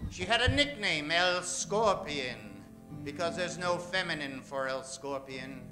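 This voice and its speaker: An unhurried announcer with a slightly high, animated voice introduces the cast of an old-time radio western, accompanied by music. His narration is theatrical, dramatic and emphatic, with names drawn out.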